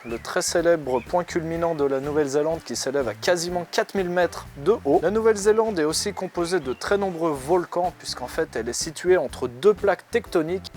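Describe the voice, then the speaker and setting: A man giving a scripted informative presentation outdoors, laying out facts clearly and step by step. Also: a little high, darkish tone. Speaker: presenter for a honey brand.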